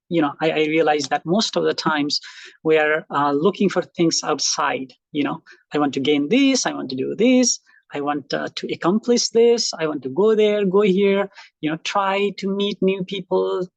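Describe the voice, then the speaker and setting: A Nepali-accented middle-aged man from Nepal, a college instructor, chats reflectively through a casual lecture to his online class, with many fillers and restarts. His voice runs on the high side with vocal fry, in a dry recording.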